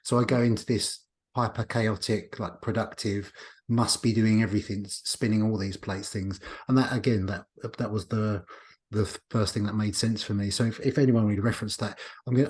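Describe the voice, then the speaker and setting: A man's voice: on the low side, fairly even intonation, a little fast, darkish tone. A man hosting a podcast, talking in a reflective, casual way and often restarting his sentences as he thinks aloud. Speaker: podcast host. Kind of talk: casual conversation.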